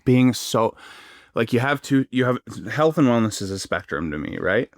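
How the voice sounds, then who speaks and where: A man's voice: medium pitch, sing-song, moderate pace, dry recording. A man co-hosting a health podcast, talking bluntly and emphatically in casual slang. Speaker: podcast co-host.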